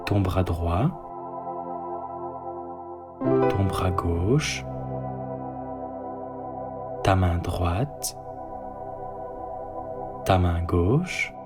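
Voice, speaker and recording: A man leading a guided sleep meditation and bedtime story, speaking softly and calmly. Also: low voice. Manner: slow, soft, calm guiding delivery. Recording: soft ambient synth music underneath.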